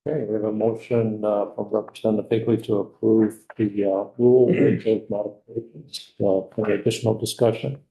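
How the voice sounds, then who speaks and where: A man chairing a legislative committee meeting, running the votes briskly. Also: lowish voice, little pitch movement, mellow, echoey room, poor audio. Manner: brisk procedural.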